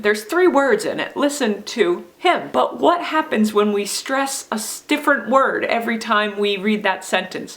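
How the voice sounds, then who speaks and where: A woman leads a Sunday school lesson for children in a playful, upbeat way. Her voice sits a little high, and she leans on single words to show how they change a sentence. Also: fairly bright tone. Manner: upbeat, playful, talks to a dog. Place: church video recording.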